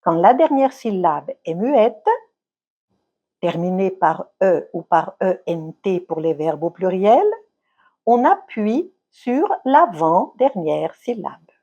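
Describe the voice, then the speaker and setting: A woman teaching in a slow, carefully enunciated lesson. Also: lowish voice, animated, mellow, muffled recording. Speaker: French teacher.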